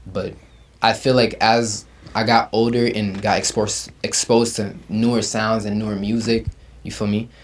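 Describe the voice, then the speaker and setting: A man's voice: on the low side, normal speed, slight background noise. A young man in his twenties from Uganda, a rapper chatting casually as an interview guest, full of slang and "you feel me.". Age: 20s. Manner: slangy, relaxed, says "you feel me" often.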